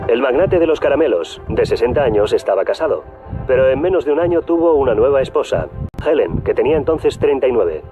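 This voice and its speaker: A man giving scripted documentary narration in a measured, even storytelling manner. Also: medium pitch. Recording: tinny phone-like audio with music bed. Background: background music.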